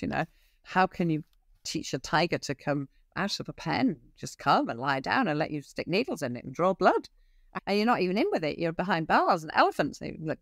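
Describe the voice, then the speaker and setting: A middle-aged woman with a fairly low voice speaks as an expert guest in a casual interview. She talks in an animated way, slipping into little acted-out dialogues and restarting her sentences. The sound is close and dry. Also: dry recording. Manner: animated, acts out quoted dialogue, many restarts. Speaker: equine behaviour expert guest.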